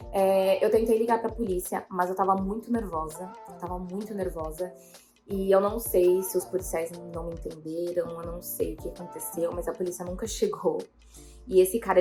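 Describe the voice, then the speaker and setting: A woman's voice: lowish voice, steady tone, brisk, darkish tone, soft background music. A young woman, telling a story to her viewers in a rambling way, full of fillers and quotes of herself. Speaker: vlogger.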